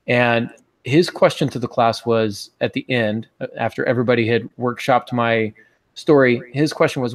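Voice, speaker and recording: Here a writing teacher in his forties hosts his writing podcast, speaking in a mid-range voice without echo. The setting is a small indoor home office, and his tone is casual, easygoing and lightly humorous.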